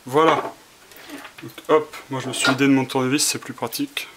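A man of ordinary pitch walks through a repair in a casual how-to demonstration, his speech full of fillers and restarts as he works with his hands. He is recorded on a camera mic at home, with a faint hiss running underneath. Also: level tone, fairly quick. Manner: hesitant, many fillers and restarts while working with his hands. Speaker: tutorial presenter.

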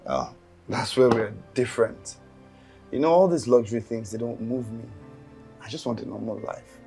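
An actor playing an earnest young Nigerian man in a film drama, with a husky, gravelly voice. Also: medium pitch, moderate pace, warm tone, soft background music, natural voice. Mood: wistful.

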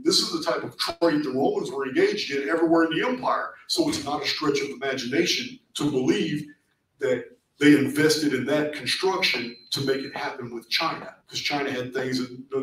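A middle-aged man lectures a small group in a meeting room, his voice a touch high. He talks with animation and keeps restarting phrases. The camera sits far back, so he sounds echoey and distant, with a faint hum. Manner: animated, repeats words, many restarts. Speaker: presenter at a meetup. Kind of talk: casual lecture to a small audience. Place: meeting room with projector screen.

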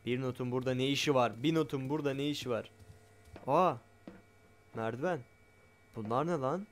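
A man giving excitable let's play commentary on a game, loud and jumpy, swearing often and talking straight to his viewers. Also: medium pitch, normal speed, slight background noise. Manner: loud, shouts a lot. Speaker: gaming YouTuber.

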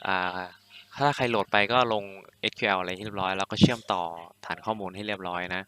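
A young man casually walking through a programming tutorial, talking loosely with lots of fillers and quick self-corrections. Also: fairly low pitch, bright, forceful tone, slight background noise. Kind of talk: casual screen-recorded coding tutorial.

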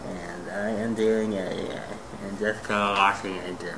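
A man's voice: on the low side, fairly even intonation, moderate pace, echoey room. A man in his thirties speaking casually with his lips stretched wide by a mouth guard, slurred and lisping as he reads phrases. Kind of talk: casual challenge video, reading nonsense phrases. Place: small indoor room at a table. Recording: noisy home room recording.

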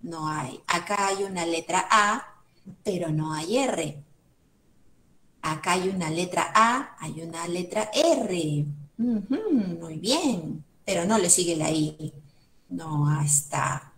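Slow, patient woman in an echoey room. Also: lowish voice, lively intonation, a bit bright. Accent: Peruvian Spanish. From Peru. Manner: slow, patient, thinks aloud step by step. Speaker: museum educator. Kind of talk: online class, guiding a word search.

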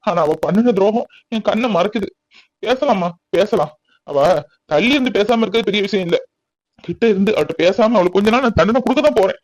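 A man's voice: high-pitched, lively intonation, fairly quick, a little mellow, no room sound. A man voicing a stern elder brother in a cartoon, firmly refusing to forgive his sister yet. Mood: resentful. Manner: firm, wounded, resolute. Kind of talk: cartoon voice acting.

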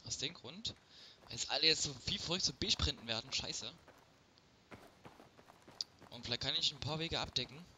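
A man's voice: on the high side, moderate pace, long pauses, sharp tone. Man muttering over gunfire. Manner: swears often, mutters to himself. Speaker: gamer commenting his own play. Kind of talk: casual gameplay commentary. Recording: gunfire and game noise behind.

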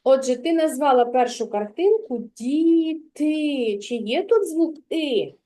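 A high-voiced woman teaches a young child to read in a one-on-one lesson. She speaks slowly and patiently, with a warm, soft tone, and stretches out each sound so the child can hear it. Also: expressive, slight background noise. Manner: patient, drawn-out stressing of sounds and words. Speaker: kindergarten teacher.

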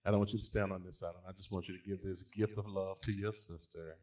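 A man's voice: deep voice, little pitch movement, quick pace. A man, a pastor, leading a church brunch and inviting families up to share gifts of love. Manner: warm, encouraging, calls people up. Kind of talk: hosting a church brunch presentation.

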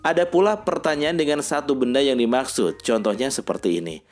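A man narrating a scripted language lesson, reading sample sentences slowly and deliberately. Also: medium pitch, faint music behind. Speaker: language teacher.

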